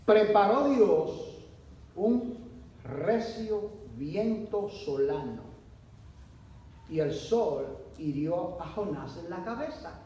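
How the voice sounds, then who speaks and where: A man, a pastor, preaching a sermon in a church, asking his listeners questions and swinging sharply between soft and loud delivery. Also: expressive, drawn-out words. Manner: preaching with rhetorical questions and dramatic swings in pitch and volume. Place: church hall. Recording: echoey church hall, voice from far off, faint hum.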